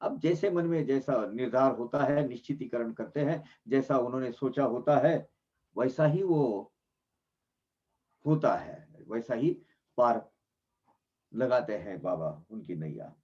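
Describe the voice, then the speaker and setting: A man's voice: mid-range voice, expressive, unhurried, warm tone. A man giving earnest devotional commentary on scripture, explaining emphatically and often restarting his phrases. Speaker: religious discourse speaker. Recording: dull lo-fi recording.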